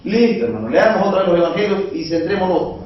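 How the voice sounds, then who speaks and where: A man's voice: high voice, animated, quick pace, a little hiss or hum. A male preacher, giving a conversational sermon and asking the congregation rhetorical questions. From Bolivia. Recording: echoey, dull sound from far off.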